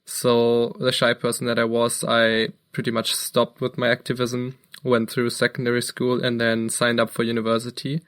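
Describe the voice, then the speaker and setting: Young man, from Germany, podcast co-host, earnest, monotone. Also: mid-range voice, normal speed, few pauses. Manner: earnest, steady, occasional restarts. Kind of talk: casual chat.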